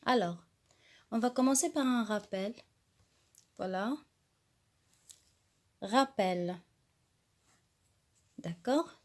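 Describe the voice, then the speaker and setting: A woman teaching a beginners' class, slow and patient, having pupils repeat words after her. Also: on the high side, darkish tone. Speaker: French teacher. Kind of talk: classroom lesson.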